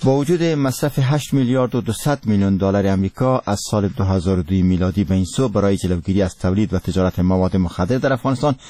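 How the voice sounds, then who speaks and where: A man's voice: low-pitched, hardly any pauses, mellow, no room sound. A man with an Afghan Dari accent reads scripted radio news as a presenter, in a solemn, formal newsreader manner.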